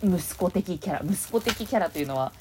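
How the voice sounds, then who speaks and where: A woman's voice: lowish voice, expressive, fast talker. A woman hosting a casual solo podcast, rambling and chatty as she sorts clothes at home. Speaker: podcast host. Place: at home, sorting clothes while talking. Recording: noisy home recording.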